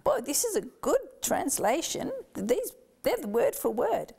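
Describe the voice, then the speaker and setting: A woman's voice: high-pitched, big pitch swings, unhurried, gravelly, mellow. A middle-aged woman from Yugoslavia, a guest in an interview, telling her story animatedly and acting out the voices of family members.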